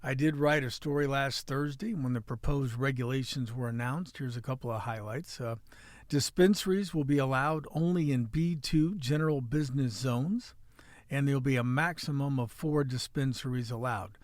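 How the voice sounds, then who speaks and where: A man's voice: mid-range voice, normal speed, no room sound. Joking midwestern guy rambling on his podcast, dry close mic. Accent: Midwestern American. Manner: joking, chatty, rambling with restarts. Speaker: podcast host and city editor. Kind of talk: casual podcast chat and news rundown.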